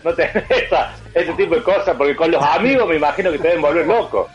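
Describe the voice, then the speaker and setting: A man's voice: fairly high pitch, animated, breathy edge, faint music behind. Playful man, dull lo-fi sound. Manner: playful, halting questions. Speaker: podcast host. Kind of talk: joking casual interview.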